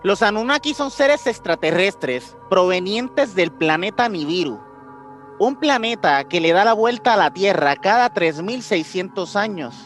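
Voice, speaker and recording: Music plays under this man's high, somewhat bright voice as he hosts a podcast. Speaking with a Puerto Rican accent, he explains things informally, using slang and phrases he repeats.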